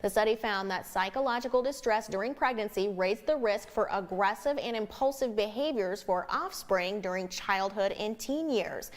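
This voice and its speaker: A woman's voice: medium pitch, moderate pace, hardly any pauses. Female American news anchor, medium register, scripted bulletin delivery.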